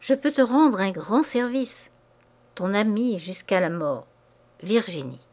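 A woman's voice: medium pitch, animated, slow pace, a little mellow. A woman reading as an anxious, pleading older mistress. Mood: urgent. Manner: plaintive and imploring.

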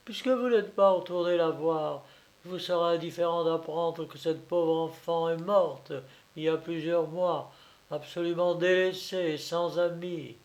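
A man's voice: fairly high pitch, steady tone, measured pace, voice pushed up. A man voicing an anxious, imploring middle-aged aunt in an audiobook reading. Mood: reproachful. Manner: imploring, reproachful, dramatic.

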